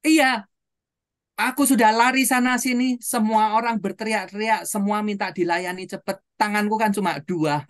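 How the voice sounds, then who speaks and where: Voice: mid-range voice, steady tone, moderate pace, a bit bright, dry recording, clean studio sound, voice pushed up, lightly acted. A seminar speaker voicing a frazzled young waitress who trembles as she pours out her complaints. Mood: overwhelmed. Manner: trembling, pleading rush of complaint.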